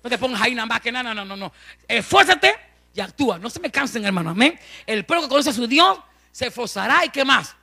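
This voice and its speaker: High-voiced, fast fervent preacher. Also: male voice, very animated, gravelly, sharp tone, breathy edge. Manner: fervent, addresses congregation as brother, frequent amen and hallelujah. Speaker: pastor. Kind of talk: lively Spanish-language sermon.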